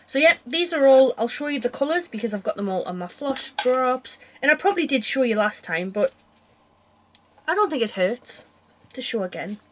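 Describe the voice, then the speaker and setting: A woman's voice: sits high, big pitch swings, normal speed. A woman chatting casually to camera as a craft vlogger, rambling along with frequent self-interrupting asides. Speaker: cross-stitch vlogger.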